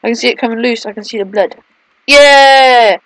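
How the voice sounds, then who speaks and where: A woman doing excitable, casual let's play commentary, mixing drawn-out exclamations with quieter asides. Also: on the high side, dry recording. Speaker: gaming video host.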